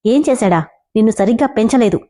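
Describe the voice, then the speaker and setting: A woman's voice: fairly high pitch, fast, dark tone, close to an everyday voice. A woman voicing a playful young man in love who teases and then coaxes his girlfriend. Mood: teasing. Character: young man in love, teasing, boastful but doting.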